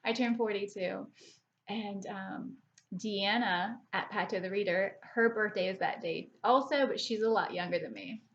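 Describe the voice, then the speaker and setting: A woman in her forties talks casually to camera about books, wandering from thought to thought and restarting her sentences. Her voice sits at a middling pitch. The audio is a little dull and lo-fi. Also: normal speed. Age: 40s. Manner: rambling, chatty, with frequent restarts and fillers. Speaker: book vlogger.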